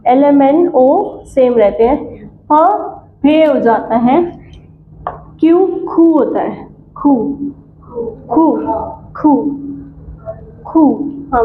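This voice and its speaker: Woman teacher, high voice, very slow repetitive drilling, phone-thin echoey classroom sound. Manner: drills letters slowly, repeating each sound. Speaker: language teacher. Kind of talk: classroom lesson. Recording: tinny, echoey room with faint hum.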